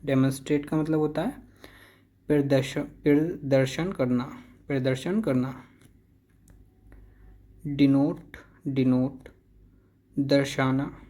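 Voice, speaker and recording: A man's voice: mid-range voice, steady tone, slow pace, pauses often, warm tone. A man teaching an English vocabulary lesson, repeating each word several times to drill the pronunciation.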